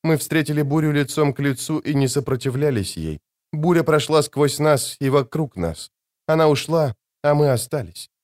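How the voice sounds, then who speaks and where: A man reading an audiobook, voicing a calm, resolute noblewoman who is the mother of a teenage son, in a quiet, measured, inward way. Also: fairly high pitch, no room sound, studio quality, natural voice. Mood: steady.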